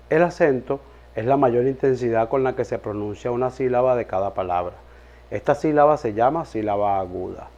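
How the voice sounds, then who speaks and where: A young man, a law student, reading a class presentation aloud from a script, listing terms one by one in a steady voice. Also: on the high side, dull audio. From Venezuela.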